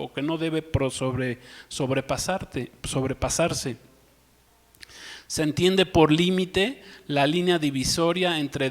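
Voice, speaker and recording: A man's voice: fairly high pitch, big-room sound. A man preaching a sermon as pastor, asking rhetorical questions and often saying amen. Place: church.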